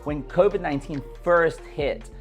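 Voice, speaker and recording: A man's voice: on the high side, measured pace, faint music behind. A man giving an eager, conversational lecture to camera about journalism and talking straight to viewers. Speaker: journalism instructor.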